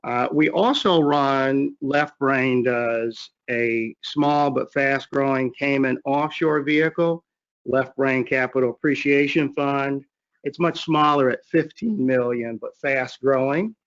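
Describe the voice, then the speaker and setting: Man, webinar panelist, group video call audio, dull lo-fi sound, businesslike, steady. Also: mid-range voice, slow, clean tone. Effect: heard over a group video call. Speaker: panelist, investment firm founder. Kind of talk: webinar self-introduction.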